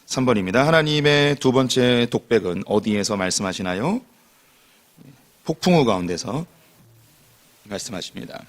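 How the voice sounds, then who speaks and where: A man delivering a sermon as pastor. His voice sits at a middle pitch. He speaks loosely and informally, circling back over his points and piling up repetitions rather than reading a polished text. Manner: conversational, informal, repeats himself often.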